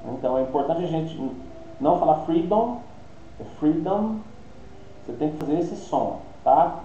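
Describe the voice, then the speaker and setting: Man, Brazilian accent, English teacher, online lesson, dark mellow voice, faint hiss. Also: on the high side. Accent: Brazilian Portuguese. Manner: explanatory, thinking aloud with many tag questions. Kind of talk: online class lecture. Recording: roomy, dull lo-fi sound with faint hiss.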